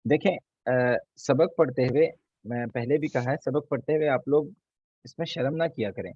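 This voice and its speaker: A man teaching an online recitation class, patiently repeating each letter slowly so students can copy him. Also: medium pitch, darkish tone, breathy edge, dry recording, lo-fi sound. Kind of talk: online tajweed class lesson.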